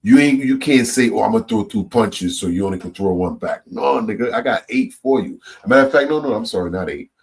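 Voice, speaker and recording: This reaction-channel host from Trinidad and Tobago talks fast with few pauses, his voice gravelly and on the low side. He gives viewers his opinions in a loose, animated monologue, often repeating and restarting words.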